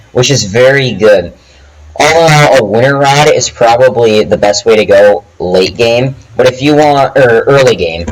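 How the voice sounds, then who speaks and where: A man casually hosting a game tutorial, chatting with ums and restarts, recorded on a cheap low-quality headset microphone at home. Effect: low quality microphone audio. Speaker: gaming video host. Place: home, dogs nearby.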